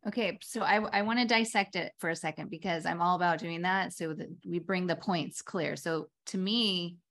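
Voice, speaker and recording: A woman's voice: on the low side, moderate pace, fairly bright tone. A woman hosting a podcast, enthusiastic and talking about trust and magic as she draws points from her guest. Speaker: podcast host. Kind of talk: casual interview.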